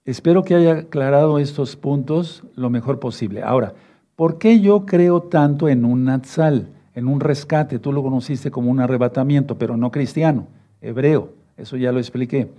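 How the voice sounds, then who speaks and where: A male preacher giving a fatherly sermon, reading scripture verses slowly and often checking in with his listeners. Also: medium pitch, dark tone, highs cut off. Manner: fatherly, repeats "no, no, no" and asks "¿sí?"; reads verses slowly and rereads them.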